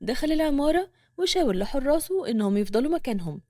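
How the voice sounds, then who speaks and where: Fast, high Egyptian woman storyteller. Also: sing-song, darkish tone, no room sound, studio quality. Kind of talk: scripted story narration.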